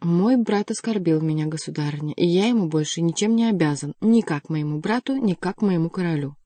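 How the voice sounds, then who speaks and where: A woman's voice: lowish voice, fairly quick, warm tone, dry recording, natural voice. A woman reading the part of a proud young prince who answers curtly and defiantly. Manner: proud, curt.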